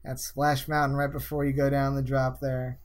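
A man from the Northeast US hosting a casual podcast trivia game, chatty and quick to laugh. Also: medium pitch, flat delivery. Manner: chatty, laughing, quotes lines in slow put-on voices. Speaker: trivia host.

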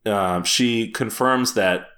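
A man co-hosting a podcast, talking in casual chat. His voice sits a little low, and he keeps breaking into laughter as he rambles along with fillers and restarts. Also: slow pace, a bit bright. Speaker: podcast co-host.

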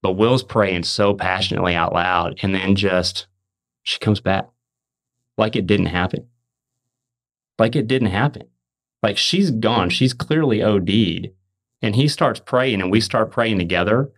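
A man's voice: lowish voice, a bit bright. A man on a podcast telling an earnest faith testimony, emphatic, often restarting and repeating words. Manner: emphatic, fast and repetitive restarts. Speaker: podcast host.

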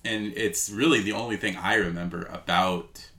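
With a low pitch, sharp tone, and fairly even intonation, a man talks at a moderate pace while co-hosting a relaxed film chat. His speech rambles, thick with "like" and "um."

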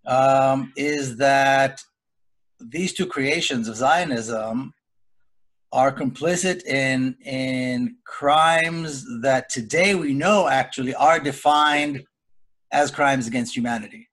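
A middle-aged man, speaking earnestly as a panelist in a webinar discussion. He talks deliberately, with frequent pauses and restarts. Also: mid-range voice, fairly bright tone. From Israel. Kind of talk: personal account in a webinar discussion. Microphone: video call.

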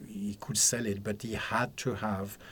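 Older male guest in his 70s, from Algeria and France, low voice, rambling and laughing as he chats in a studio. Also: little pitch movement, unhurried, a bit bright, slight background noise. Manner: chatty, rambling storyteller with frequent laughs. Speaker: guest, psychic counsellor. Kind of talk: casual interview chat. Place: podcast studio.

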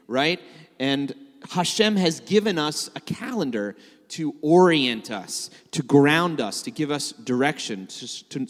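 A man giving a sermon to a congregation, joking and conversational with filler words. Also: a little high. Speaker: messianic rabbi preaching. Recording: long hall reverb.

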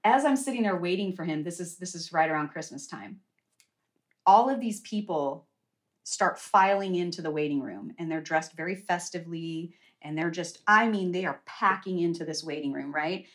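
A middle-aged woman, a guest, telling stories in a blunt, animated way and swearing freely. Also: fairly low pitch, normal speed. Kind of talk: casual storytelling.

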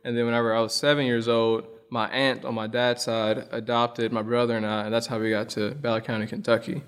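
A young man from Illinois talks through his background in an easy, rambling manner, pausing on fillers as he goes. His voice is smooth and resonant. The recording carries a long reverb, as if it were made in a large hall. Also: mid-range voice. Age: young adult. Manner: relaxed, rambling storytelling with many fillers. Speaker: guest. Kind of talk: casual conversation.

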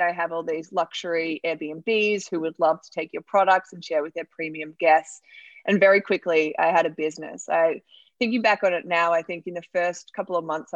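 A woman's voice: on the low side, no room sound, lo-fi sound. A woman from Australia, a startup founder, talking candidly in a podcast interview with many fillers.

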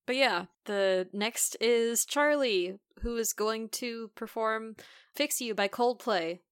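A woman co-hosting a podcast in casual, animated chat, recapping a show and acting out quotes. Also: a little high, slow pace, smooth. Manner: animated, giggly, acts out quotes. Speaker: podcast co-host.

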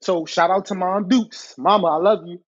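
Exasperated high-voiced man ranting. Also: steady tone, moderate pace. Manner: exasperated, profane, addresses listeners directly. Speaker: podcast host. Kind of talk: storytime rant. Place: apartment. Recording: dull lo-fi recording.

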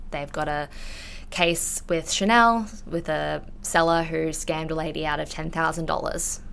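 An Australian woman in her twenties, an intellectual property investigator appearing as a podcast guest, talks candidly and informally in a conversational interview. Her voice is deep and gravelly yet a bit bright, with a little hiss or hum in the recording.

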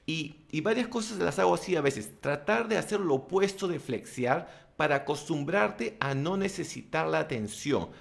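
A man giving motivational tips in a casual monologue to camera, blunt and crude with animated asides. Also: a little high, moderate pace, creaky, hardly any pauses. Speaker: self-help vlogger and coach.

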